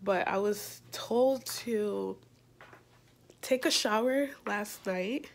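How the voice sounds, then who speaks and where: Medium-pitched, creaky and fairly bright, a young woman's voice rambles casually through a vlog recorded on a phone at arm's length in a small room. She sounds slightly congested and keeps teasing herself.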